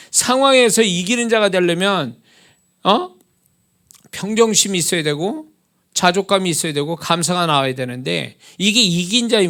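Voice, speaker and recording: High-voiced man preaching emphatically. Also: fairly bright tone. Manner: rhetorical questions, emphatic preaching. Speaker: senior pastor. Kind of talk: Wednesday service sermon.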